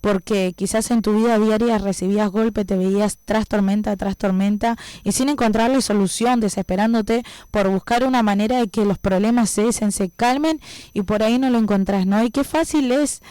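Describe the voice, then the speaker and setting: Young woman, warm mellow tone, dry close sound; casual preaching with lots of tag questions. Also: medium pitch, normal speed, smooth, dry recording. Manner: conversational, frequent tag questions. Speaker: radio preacher.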